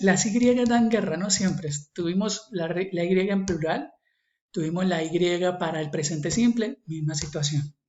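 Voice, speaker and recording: A man's voice: high-pitched, darkish tone. A man with a Colombian Spanish accent teaching English grammar in a recorded online lesson. He repeats each rule and keeps checking in with his students. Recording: echoey, slightly dull screen recording.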